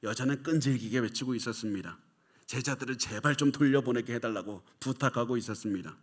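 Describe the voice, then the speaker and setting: A man's voice: medium pitch, quick pace, breathy edge. A male pastor delivering a sermon with an emphatic, repetitive preaching cadence. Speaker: senior pastor.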